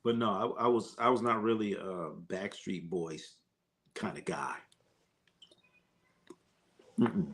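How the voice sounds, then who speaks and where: His voice sits fairly low, and he talks slowly with frequent pauses. As host of a live sports stream, he goes through chat comments in a relaxed way, joking with viewers and a co-host and leaning on slang and fillers.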